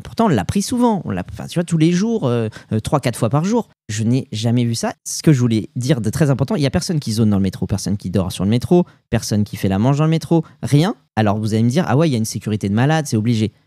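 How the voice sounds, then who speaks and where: A young Frenchman with a French accent co-hosts a podcast, rattling off animated travel stories with slang and fillers and hardly pausing. His mid-range voice comes through in clean studio sound with no room sound.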